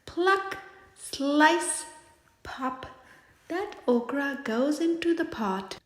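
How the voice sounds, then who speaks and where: A woman reading a bedtime story aloud in an animated, dramatic way. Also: high-pitched, very slow. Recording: echoey room.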